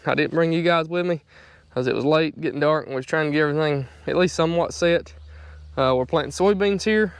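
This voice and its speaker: A man's voice: a little high, fairly quick, creaky, smooth, no room sound. A man with a Southern US accent hosts a farming vlog, chatting in a casual, folksy, plain-spoken way. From North Carolina. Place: outdoors on farm and in tractor cab. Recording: loud engine and vehicle noise.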